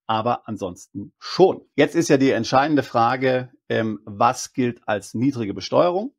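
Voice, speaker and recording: Gravelly-voiced man explaining tax rules. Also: medium pitch. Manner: methodical, reads out and explains legal text. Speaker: tax advisor. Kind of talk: explanatory video talk.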